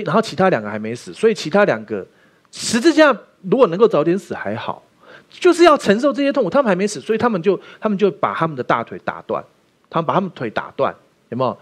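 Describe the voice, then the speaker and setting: Fast, lively male pastor preaching. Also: on the high side. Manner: emphatic, keeps asking the listeners questions. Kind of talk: sermon.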